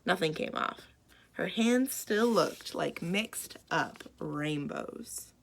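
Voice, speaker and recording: A woman reading a children's picture book aloud expressively as a storyteller, with dramatic emphasis and drawn-out words. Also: on the low side, expressive, gravelly, slight background noise. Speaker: library storyteller.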